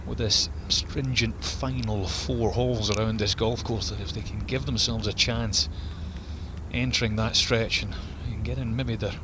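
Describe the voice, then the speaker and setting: A man's voice: on the low side, steady tone, unhurried. A man giving live golf commentary and analysis as a commentator. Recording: noisy outdoor broadcast.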